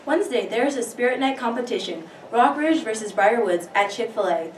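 A woman's voice: fairly high pitch, animated, a little fast. Brief: teen girl co-anchor, recorded from a distance, faint hiss behind her. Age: teens. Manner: reads announcements steadily, with the odd stumble. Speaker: student news anchor. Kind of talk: school announcements. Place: school studio room. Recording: echoey room, distant mic, faint hiss.

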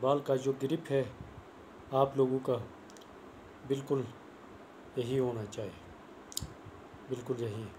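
Here a young cricket coach vlogger teaches bowling plainly, repetitively and earnestly in a casual spoken tutorial. He has a medium-pitched, darkish voice with a steady tone, speaks slowly and pauses often. The setup is a clip-on lapel mic and a nearby phone camera in a small room, with a little hiss or hum.

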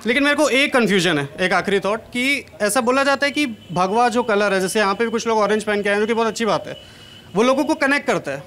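Expressive and fast-talking, a young Kanpur comedian from India speaks in a high, fairly bright voice. He performs on a big indoor event stage with a handheld mic. He keeps things chatty and makes fun of himself.

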